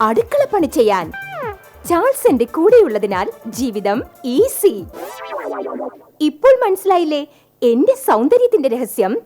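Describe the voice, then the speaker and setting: Actress as a bossy salesy wife, very animated high voice, light music underneath. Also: female voice, exaggerated voice. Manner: sales-pitch presenter tone, bossy. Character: bossy wife selling her husband like a product, woman. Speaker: stage comedian. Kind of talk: mock advertisement in a stage skit.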